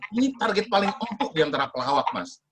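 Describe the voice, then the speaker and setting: Self-mocking comedian man, lively pitch. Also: fast talker, background noise. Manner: self-mocking, acts out both sides of quoted banter. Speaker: comedian guest. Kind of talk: casual advice chat.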